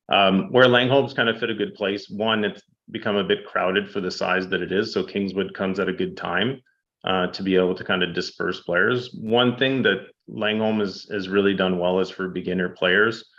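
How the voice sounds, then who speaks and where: Low-voiced man presenting figures with many ums. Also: dull audio. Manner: steady, fact-heavy, many ums. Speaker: presenter to council. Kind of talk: public presentation. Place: council chamber.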